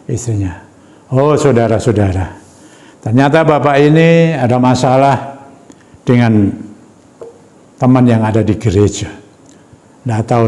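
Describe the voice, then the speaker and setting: A man's voice: on the low side, mellow. A man from Indonesia preaching a sermon, telling a personal story and often calling listeners "brothers and sisters". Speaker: evangelist preacher.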